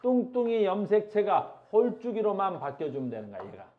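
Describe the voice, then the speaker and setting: A man's voice: high-pitched, wildly swooping pitch, fairly quick, phone-quality sound, slight background noise. A male science teacher lecturing a class while drawing, asking questions and answering them himself, repeating key phrases. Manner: repeats key phrases, calls out playful commands.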